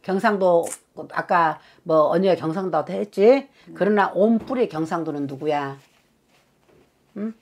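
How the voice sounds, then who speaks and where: A woman's voice: on the low side, unhurried, darkish tone. A woman fortune-teller giving a reading to clients, talking emphatically and scolding, often tagging her phrases with a questioning "eh?". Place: fortune-teller's consultation room.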